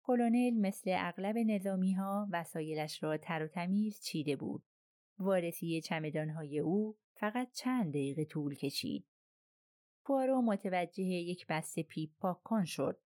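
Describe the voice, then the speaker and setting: A woman narrating a crime novel in an audiobook with steady, even delivery. Her voice is on the low side, recorded dry and close with no room sound. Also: dry recording.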